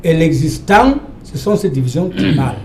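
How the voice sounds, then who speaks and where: An older man from Cameroon holds forth as a debate guest in a TV studio, emphatic and given to repeating himself. His voice sits a little high but mellow. The room is roomy and echoing, with a faint hum underneath. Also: lively intonation, normal speed, gravelly. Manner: emphatic, lecturing, repeats phrases. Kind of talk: televised panel debate.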